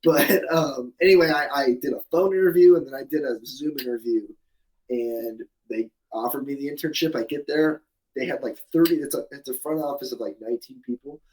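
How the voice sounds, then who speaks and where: Guest, man in his twenties, casual and chatty, rambling storyteller, mid-pitched voice. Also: fairly quick, darkish tone, a little hiss or hum, poor audio. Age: 20s. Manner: rambling, many restarts and fillers, laughs at himself. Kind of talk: casual interview.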